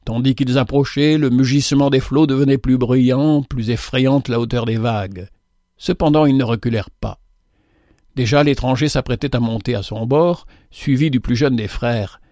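A man reads a religious parable aloud in a measured, solemn voice, at a middle pitch. The sound is close and dry, with no room echo. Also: mellow. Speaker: reader.

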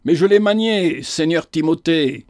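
A man's voice: a little high, expressive, measured pace, a little mellow, dry recording, studio quality. A man voicing a wrathful, grieving old peasant prophet who preaches in impassioned tirades. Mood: mournful.

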